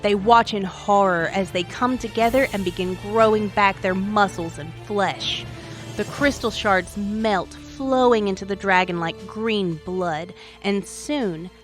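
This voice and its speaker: A woman hosting a story show, reading a scripted narration of a tabletop adventure in a wry, dramatic way. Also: mid-range voice. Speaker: story podcast host.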